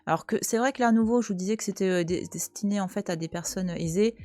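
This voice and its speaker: A woman's voice: medium pitch, fast, a little mellow, no room sound. A French woman in her thirties, chatting casually and teasingly on a live stream from home, talking back to her chat. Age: 30s. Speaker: Twitch streamer. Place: at home, cat nearby.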